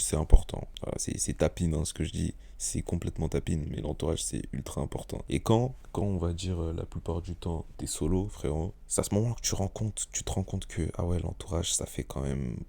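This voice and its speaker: A young man talks in a very deep, mellow voice with plenty of fry. He improvises a casual vlog-style monologue, slangy and rambling, and often says a phrase over again. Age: young adult. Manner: slangy, rambling, repeats himself. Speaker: vlogger.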